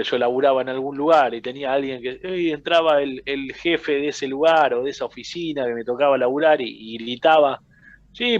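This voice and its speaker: A man's voice: mid-range voice, dull audio. A man with an Argentine accent teaching a coaching class, explaining with everyday examples and often checking in with his listeners. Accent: Argentine Spanish. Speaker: football coaching instructor. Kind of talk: casual classroom lecture.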